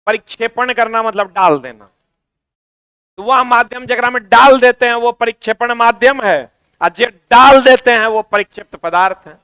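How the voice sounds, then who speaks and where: A man's voice: extremely high pitch, normal speed, sharp tone, clean tone, dry recording. A man with a Bihari accent teaching an exam-prep class in a chatty, teasing, coaxing way.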